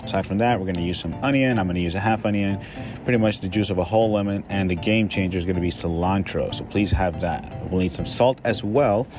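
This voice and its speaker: A Peruvian cooking vlogger talks through a recipe in an upbeat, chatty manner, making small jokes at his own expense in this casual tutorial. He has a low-pitched voice and talks fast, with music playing in the background.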